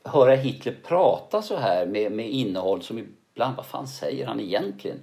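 An older male actor being interviewed, telling stories in a lively way and often ending sentences with a questioning tag. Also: fairly low pitch, gravelly. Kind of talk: casual interview storytelling.

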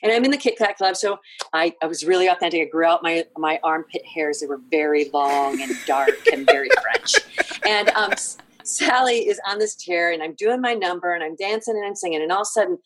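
A middle-aged woman, a podcast guest, telling an animated story with laughter and acted-out quotes. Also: on the low side, a little fast, a little hiss or hum, rough recording. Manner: lively, laughing, acts out quoted lines. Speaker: podcast guest, theater artistic director.

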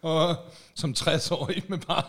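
A man's voice: fairly high pitch, fairly even intonation, vocal fry. A man co-hosting a casual podcast, teasing his partner in a dry way. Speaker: podcast co-host. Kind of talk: casual chat.

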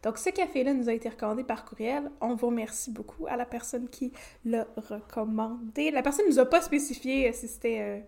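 A woman with a Québécois French accent chats through a podcast. Her voice sits high. She is playful and quick to laugh. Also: vocal fry, darkish tone. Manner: playful, chatty, laughs often. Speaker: podcast co-host. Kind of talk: casual chat.

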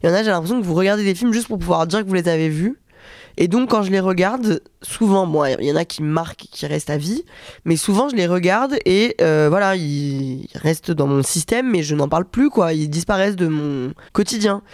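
A woman's voice: lowish voice, expressive, brisk, darkish tone, no room sound, studio quality. A young adult woman hosting a podcast in a casual, rambling, self-deprecating way, with a nose blocked by a cold. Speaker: podcast host. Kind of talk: casual chatty solo monologue. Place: hotel room.

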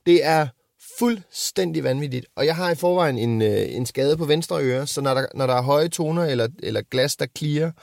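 A man's voice: on the high side, gravelly, no room sound, studio quality. A man and father in casual chat, telling rambling anecdotes and swearing freely. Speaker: podcast co-host and father.

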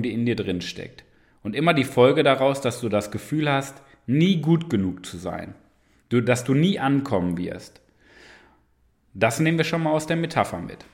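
Male self-help coach, direct-address monologue, emphatic, animated intonation. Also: medium pitch. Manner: emphatic, addresses listener directly, frequent rhetorical "ja?". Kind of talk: motivational monologue.

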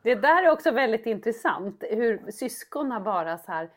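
A woman's voice: fairly high pitch, sing-song. A woman in her thirties, a podcast co-host in casual chat, speaking earnestly and reflectively while searching for her words.

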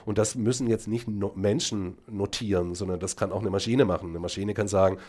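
A middle-aged man speaks as a guest on a podcast, his voice sitting fairly low. He keeps stopping to hunt for words with "äh" and "ähm". Then he drives his arguments home with firm emphasis. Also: fairly even intonation, brisk, darkish tone. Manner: hesitant with many fillers, then emphatic. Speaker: guest, speech technology researcher. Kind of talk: podcast conversation.

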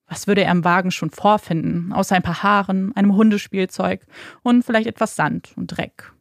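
Woman narrator, true-crime podcast, measured dramatic read, gravelly, dry studio. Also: medium pitch, steady tone, dry recording.

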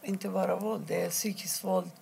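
A middle-aged woman from Iran, telling her own story in an interview, quietly and haltingly, with many pauses. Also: mid-range voice, steady tone, creaky, a little hiss or hum. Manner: halting, quiet and emotional, pausing often. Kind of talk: personal testimony interview.

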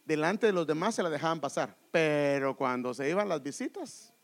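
A man's voice: on the high side, lively intonation, normal speed. A man preaching a sermon, acting out voices and calling listeners brother. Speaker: pastor.

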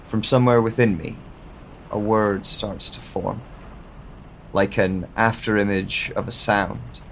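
Playing a lost amnesiac, a man narrates his own audio drama in a low, very slow voice, pensive and halting as he searches for answers. His tone stays steady, with clear background ambience and a little hiss or hum around him.

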